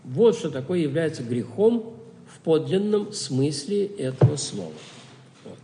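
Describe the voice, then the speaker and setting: A man's voice: on the high side, animated, unhurried, vocal fry, big-room sound, background noise. A man giving a spoken theology lecture, asking rhetorical questions and answering them himself, often stopping and restarting words.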